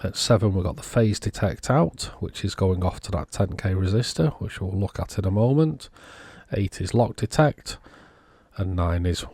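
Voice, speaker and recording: A man giving casual, unhurried technical commentary, thinking aloud as he inspects a circuit board. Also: deep voice, mellow, husky, dry recording. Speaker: electronics repair vlogger.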